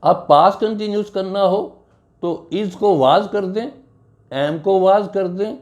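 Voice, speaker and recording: A man's voice: sits high, slow pace, darkish tone. A man teaching an English grammar lesson, spelling words out letter by letter and explaining each rule step by step, with a Pakistani accent. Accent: Urdu-flavored Pakistani English.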